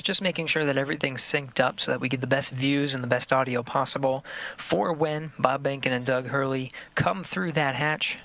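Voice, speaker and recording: Bright-voiced mission control commentator. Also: male voice, mid-range voice. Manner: measured, explanatory. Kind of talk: live space mission commentary.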